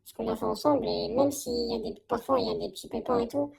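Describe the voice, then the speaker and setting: A woman's voice: high voice, wildly swooping pitch, fast talker, gravelly, a loud crowd. A young woman giving a casual, slangy testimonial in an informal conversation. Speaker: coaching client giving a testimonial.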